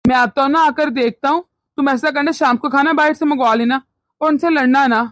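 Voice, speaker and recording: Woman doing a calm cartoon husband. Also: sits high, no room sound, studio quality. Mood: soothing. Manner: placating, unhurried. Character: adult male husband, calm and soothing. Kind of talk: cartoon story voice acting.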